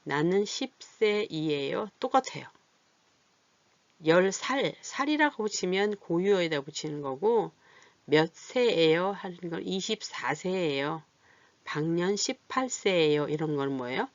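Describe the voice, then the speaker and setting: Woman, language teacher, low voice, repeats each example slowly for the class, dry muffled lo-fi recording. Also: lively intonation, no room sound. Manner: slow, drilled repetition of example phrases. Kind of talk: classroom lesson. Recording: dull, dry lo-fi.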